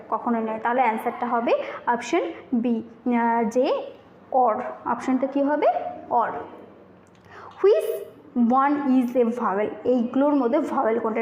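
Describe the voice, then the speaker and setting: A woman teacher with a high voice works through exam questions one at a time. She asks each question aloud, then answers it herself. The room gives her voice a noticeable echo. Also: lo-fi sound. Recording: echoey room.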